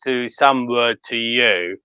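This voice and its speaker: A British man chats easily and a little hesitantly on a livestream. His voice is bright and crisp, but the dry stream audio dulls it. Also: mid-range voice, slow, no room sound, lo-fi sound. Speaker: livestream guest. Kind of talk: casual chat.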